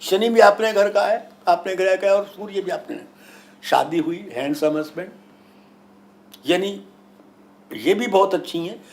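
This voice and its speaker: A man's voice: on the high side, creaky, darkish tone. A man speaking as a guru and astrologer, giving an emphatic, didactic discourse with anecdotes, repetition and rhetorical questions. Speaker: guru and astrologer being interviewed. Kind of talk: spiritual discourse with anecdotes and explanations.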